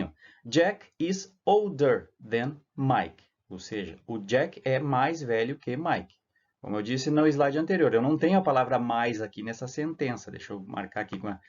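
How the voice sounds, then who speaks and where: Man teaching grammar, lo-fi audio. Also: mid-range voice. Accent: Brazilian Portuguese. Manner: explains step by step, many "tá?" and "né?" tags. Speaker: English teacher. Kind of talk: slide-based grammar lesson. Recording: slightly dull lo-fi audio.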